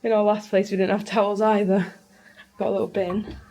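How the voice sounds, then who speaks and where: A woman's voice: medium pitch, little pitch movement, brisk, mellow, no echo. A woman chatting casually to a handheld camera as a travel vlogger, upbeat and rambling. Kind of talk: casual vlog chat. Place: outdoors in a city street and a small hotel bathroom. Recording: noisy outdoor street recording.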